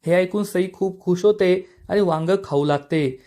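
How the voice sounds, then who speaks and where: A man with a somewhat raised pitch delivers a scripted recap narration of a TV serial. He tells the story in a steady, even manner and reads out each quoted line plainly. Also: measured pace.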